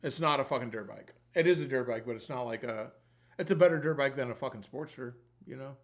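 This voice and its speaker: A man hosts a livestream giveaway with an average-pitched voice. He talks casually and loosely, rambling from one thought to the next and swearing freely. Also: fast. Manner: sweary, informal, colloquial.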